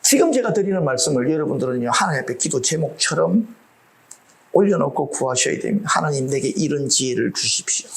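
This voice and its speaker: A middle-aged male pastor delivers a sermon in a voice that swings widely up and down. His tone sits a little high for a man. He keeps the talk light with jokes and rhetorical questions. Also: gravelly. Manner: lively, humorous preaching with rhetorical questions.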